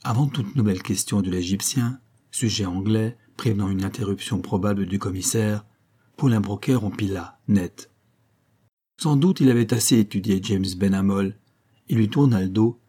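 A man reading a detective novel aloud as narrator, with steady, measured phrasing. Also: fairly low pitch, husky.

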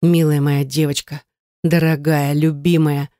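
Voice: mid-range voice, level tone, unhurried, warm tone, no room sound, clean studio sound, lightly acted. A reader voicing a young husband who is fierce and tender, growling or pleading.

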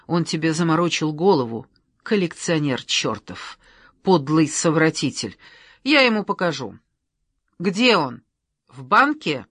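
A reader doing a hot-tempered protective sister. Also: female voice, low-pitched, sing-song, measured pace, breathy edge, dry recording, studio quality, full character voice. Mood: scolding. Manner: sharp, scolding.

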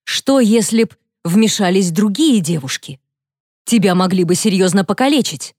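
A woman's voice: mid-range voice, expressive, normal speed, darkish tone, dry recording, studio quality, natural voice. A woman voicing a stern adult schoolteacher who talks firmly in clipped phrases. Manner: firm, clipped.

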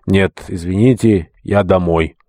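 A man's voice: low voice, measured pace, darkish tone, dry recording. A man voicing a simple, good-natured deacon in an audiobook reading, speaking plainly and without hurry.

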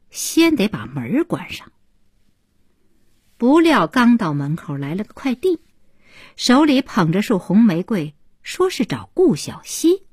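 A woman's voice: fairly low pitch, darkish tone, husky, no echo, clean studio sound. A woman narrating a serialized novel with dramatic expression, sometimes dropping to a whisper in tense moments. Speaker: audiobook narrator.

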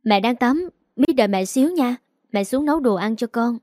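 A woman's voice: a little high, animated, normal speed, no echo, clean studio sound, natural voice. A woman voicing a shy young wife and mother. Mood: tender. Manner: gently scolding.

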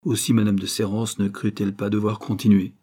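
A man reading a classic novel aloud as an audiobook narrator, in a calm, even storytelling manner. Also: lowish voice, fairly quick, slightly rough. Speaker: audiobook reader.

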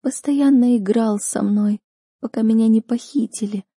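A woman's voice: on the high side, normal speed, warm tone, breathy edge, dry recording, clean studio sound, voice pushed up. Woman putting on a sobbing, worn-out young captive girl. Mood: tearful. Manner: sobbing, weak and broken.

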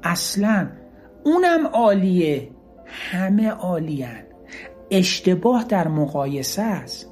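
A man's voice: high-pitched, very animated, darkish tone, faint music behind. A man giving an earnest motivational talk, driving his points home with repeated, emphatic lists. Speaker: motivational speaker.

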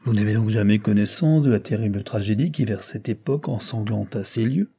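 A guarded country lawyer, played by a male audiobook narrator, who presses each word with deliberate intent. His tone is mellow and slightly husky, and his questions come steady and pointed. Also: on the low side. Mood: probing. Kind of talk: audiobook character voice.

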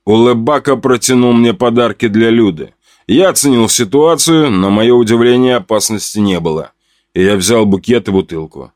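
A man narrating a first-person story in a steady, plain way. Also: medium pitch, moderate pace, dry recording, clean studio sound.

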